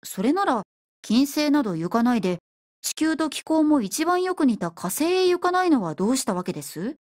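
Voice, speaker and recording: A woman's voice: high-pitched, very animated, moderate pace, darkish tone, no room sound, clean studio sound, pitched above the performer's own voice. A woman reading as a wondering man from the past. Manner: eager polite questioning. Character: curious, amazed man from the past. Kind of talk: audiobook reading.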